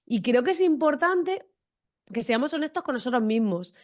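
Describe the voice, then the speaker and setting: A woman's voice: high voice, big pitch swings, moderate pace, darkish tone. A woman from Almería, Spain, talking frankly, directly and with humor as a guest in a podcast interview. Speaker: guest entrepreneur.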